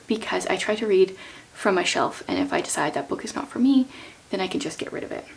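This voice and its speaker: A woman talking casually and chattily as a book vlogger, thinking aloud in an informal way with a creaky voice. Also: medium pitch. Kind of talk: casual chatty talk to camera about reading plans.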